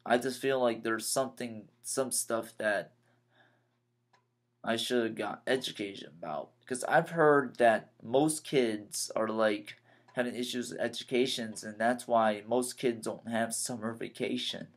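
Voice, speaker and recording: A nineteen-year-old man talking in a rambling personal vlog, halting and repeating himself as he vents his frustrations. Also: mid-range voice, fairly even intonation. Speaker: vlogger.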